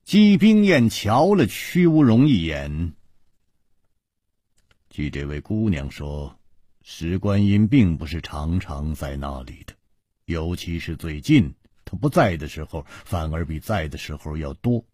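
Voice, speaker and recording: Slow husky male storyteller. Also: low voice, very animated, warm tone, no room sound, studio quality. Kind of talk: traditional storytelling narration.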